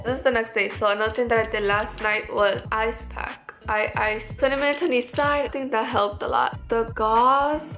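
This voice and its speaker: Casting: young female vlogger, fresh from wisdom teeth surgery, stiff restrained mouth, higher creaky voice, casual recounting, faint music underneath. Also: fairly bright tone. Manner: talking stiffly after wisdom teeth surgery, unable to smile.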